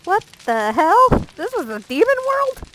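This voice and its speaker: A woman's voice: extremely high pitch, big pitch swings, unhurried, a bit bright, a little hiss or hum, low-quality recording. A woman reading a visual novel aloud as a let's play narrator, playful and breaking off for jokey asides.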